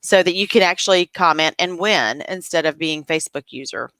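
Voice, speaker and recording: A woman's voice: lowish voice, brisk, fairly bright tone, no echo. A woman hosting a casual live interview, chatty and troubleshooting aloud, with a cough drop in her mouth. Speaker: livestream host.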